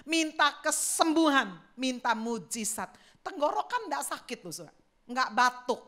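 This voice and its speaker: A middle-aged woman pastor preaching a sermon. She tells a lively story and keeps turning to speak directly to her congregation. Her voice sits a little high for a woman. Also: moderate pace.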